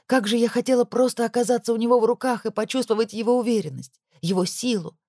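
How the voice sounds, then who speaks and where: A woman's voice: fairly high pitch, fast talker, warm tone, no echo, clean studio sound. A woman narrating a first-person audiobook with emotional, intimate delivery.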